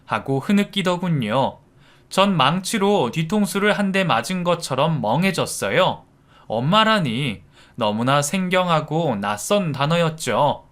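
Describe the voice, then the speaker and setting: Guy reading a dramatic true story in first person, kinda high voice. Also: animated, unhurried, fairly bright tone. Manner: emotional, confessional.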